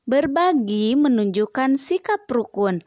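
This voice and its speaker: A woman teacher reading the lines of a kind mother advising her young son from a schoolbook, gently and slowly. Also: a little high, expressive, no echo, lo-fi sound. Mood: gentle. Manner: gentle, read aloud from a schoolbook.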